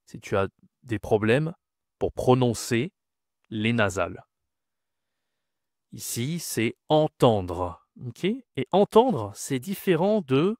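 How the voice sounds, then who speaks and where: A male French teacher gives a vocabulary lesson at a slow, deliberate pace. He repeats each word with care and keeps checking that the learner follows. The sound is dry and close, with no room echo. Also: medium pitch, a little mellow.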